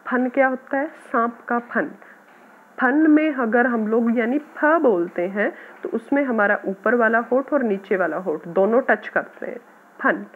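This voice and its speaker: A woman teacher patiently explaining a grammar lesson to schoolchildren, sounding out words slowly. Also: on the high side, husky. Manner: patient, addresses students as "beta", repeats words slowly. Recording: tinny phone-like audio.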